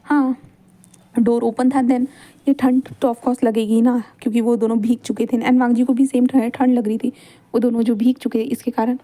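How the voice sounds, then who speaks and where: A woman's voice: a little high, flat delivery, moderate pace, mellow. A woman casually narrating a fan-fiction love story, with loose run-on sentences and many fillers.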